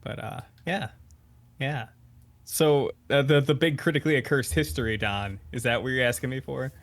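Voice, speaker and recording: A man's voice: mid-range voice, moderate pace. A man as a guest on a casual podcast, easygoing and dry. He chuckles now and then as he answers. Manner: relaxed, wry, chuckles between phrases. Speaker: podcast guest, game master.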